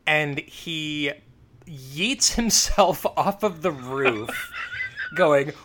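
A man's voice: fairly high pitch, wildly swooping pitch, drawn-out words, noisy background. A man co-hosting a podcast who tells rambling stories in casual chat, full of fillers and restarts. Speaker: podcast co-host.

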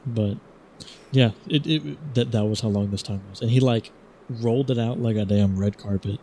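A man's voice: fairly low pitch, moderate pace, warm tone, a little hiss or hum. A young man in casual chat with a friend, teasing and chatty, often stumbling over his words as he restarts. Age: young adult. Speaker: podcast co-host.

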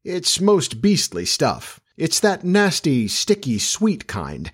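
A man's voice: medium pitch, sing-song, moderate pace. A man playing a proud, childish, middle-aged father in a storybook, pompous, indignant and self-pitying. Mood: shuddering disgust.

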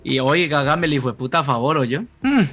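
A Colombian man in his thirties chats loosely and rambles, dropping swear words as he goes. His voice sits a little high and sounds bright and forceful. Faint music plays underneath. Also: a little fast. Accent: Colombian Spanish. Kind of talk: casual chat.

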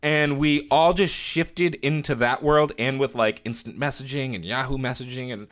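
A man in his thirties co-hosting a podcast in casual chat, animated and laughing often. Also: mid-range voice, normal speed. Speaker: podcast co-host.

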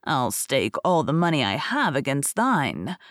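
A woman voicing a miserable, lame old beggar man who is sly and drawls slowly. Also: very deep voice, sing-song, fairly bright tone, no room sound, studio quality, voice pushed down, exaggerated voice. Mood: wheedling.

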